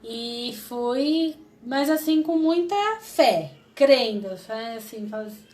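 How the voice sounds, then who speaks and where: Animated Brazilian woman telling her testimony. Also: a little high, slow pace. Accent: Brazilian Portuguese. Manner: lively, acts out quoted voices, laughs often. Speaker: interview guest sharing a testimony. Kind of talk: emotional personal storytelling.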